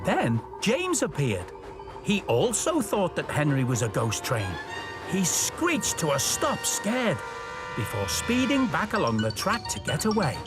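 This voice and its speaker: Over background music, a male storytime host in the role of a station worker animatedly presents and reads stories to young children, addressing the listener directly in scripted fashion. His voice sits high.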